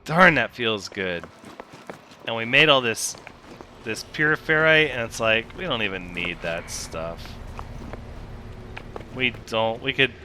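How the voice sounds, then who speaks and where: Bright-voiced man musing over a building game. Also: mid-range voice, a little hiss or hum. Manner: thinks aloud, counts, jokes with himself. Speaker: gameplay commentator. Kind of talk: casual gameplay commentary.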